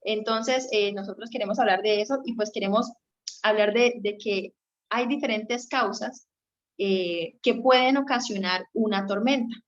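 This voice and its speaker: On a marriage radio segment, a young Colombian woman teaches conversationally as a guest, pausing to check for agreement while she explains. She has a mid-range voice and a moderate pace, captured in slightly dull, lo-fi sound.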